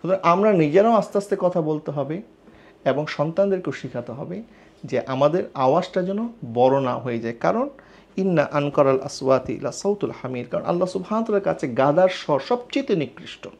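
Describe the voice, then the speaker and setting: A man giving an Islamic sermon, earnest and admonishing, often asking rhetorical questions. His voice sits a little high for a man. The recording is dull and lo-fi. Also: vocal fry. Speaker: preacher.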